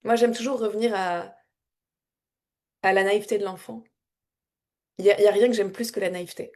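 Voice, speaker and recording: A woman speaking as a spiritual coach in a loose, unscripted flow. She circles her thoughts, repeats words as she searches for them, and laughs softly between lines. Her voice sits at a middle pitch, heartfelt and openly emotional. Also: steady tone, a little fast. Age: adult with a child. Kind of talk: casual spontaneous reflective talk.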